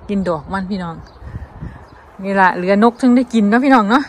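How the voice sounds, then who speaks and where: A woman's voice: medium pitch, a little fast. A woman with an Isan Thai accent, chatting casually to her viewers in a vlog while showing a garden outdoors. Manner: chatty, addresses viewers as brothers and sisters. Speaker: vlogger.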